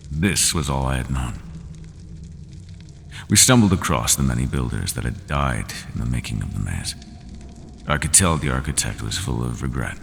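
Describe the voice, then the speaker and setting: A man voicing the Minotaur, a lonely, brooding bull-headed prisoner, in an ASMR roleplay, telling his story slowly and bitterly. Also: very deep voice, creaky, heavily acted. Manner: slow, solemn and bitter storytelling. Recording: long reverb with faint ambient noise.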